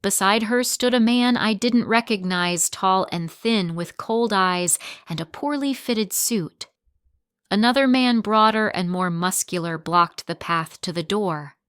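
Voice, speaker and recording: A woman narrating a first-person revenge story in a steady, even storytelling delivery, recorded close to the mic. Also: medium pitch, measured pace, clear, resonant tone, dry recording.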